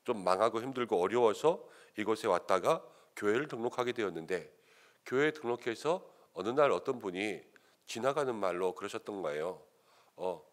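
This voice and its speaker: A male pastor telling a story in a sermon, acting out the voices of the people in it. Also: fairly low pitch. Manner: animated, acts out quoted voices of others. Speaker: senior pastor.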